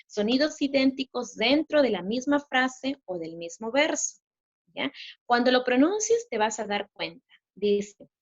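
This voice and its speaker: A woman's voice: a little high, fairly bright tone, highs cut off. A woman teacher giving a recorded literature lesson, explaining patiently and checking in with her students through rhetorical questions.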